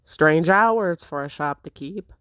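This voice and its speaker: A woman's voice: low-pitched, takes it slowly, a bit bright, clear, resonant tone, no room sound, studio quality. A woman reading a visual novel aloud, voicing a brash, theatrical masked male intruder with a swaggering, dramatic manner.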